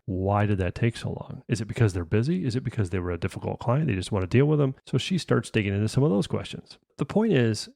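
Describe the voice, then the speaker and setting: A man's voice: fairly low pitch, gravelly, a little mellow, no room sound, studio quality. A man hosting a podcast, telling a sales story in a casual way, often restarting his sentences and adding "right?". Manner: conversational, frequent restarts and tag questions. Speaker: podcast host.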